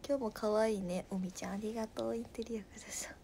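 A woman in her twenties from Nagasaki, chatting casually on a livestream with a Nagasaki dialect, reading viewer comments aloud and often dropping to a soft murmur. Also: fairly high pitch, fairly even intonation, quick pace, gravelly, husky. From Nagasaki, Japan. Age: 20s.

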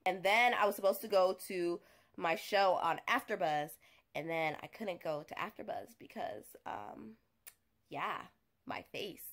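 A woman in her twenties tells a story in a casual vlog, chatty and animated, often saying "like" and "okay?". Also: on the low side, a little slow. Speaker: vlogger.

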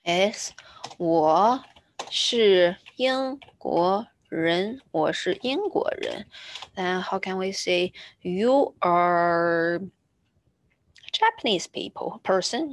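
Slow, patient woman teaching Chinese. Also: mid-range voice, expressive, slight background noise. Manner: patient, repeats each word slowly. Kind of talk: slow screen-share language lesson.

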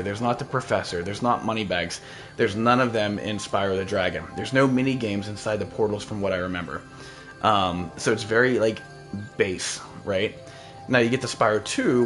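A man's voice: lowish voice, a bit bright. A man in his thirties giving casual, slangy, rambling gameplay commentary as a streamer. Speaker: game streamer. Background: game music.

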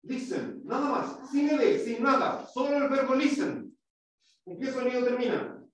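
A man's voice: extremely high pitch, normal speed, a little hiss or hum. A male English teacher giving a classroom lesson, explaining step by step, quizzing students and demonstrating sounds. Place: school classroom. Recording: echoey classroom, mic far off.

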